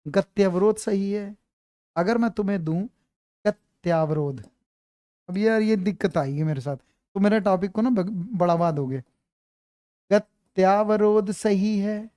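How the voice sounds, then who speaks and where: A man with a high, slightly mellow voice gives an online grammar lecture, going over points again and frequently making sure students are keeping up. He calls them "beta" to reassure them, and the studio-quality audio carries no room sound.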